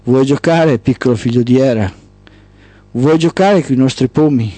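A man's voice: mid-range voice, moderate pace, warm tone, dry recording, faint music behind, lightly acted. A man voicing the Hesperides, tall and menacing sisters who taunt the hero in a storytelling piece.

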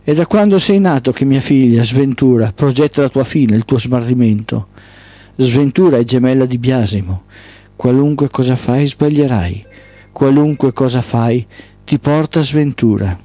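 Ancient night spirit lady, a guy doing her, solemn and slow, dark mellow voice, dry sound. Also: mid-range voice, no room sound, close to an everyday voice. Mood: grim. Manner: slow, solemn whispering pronouncements.

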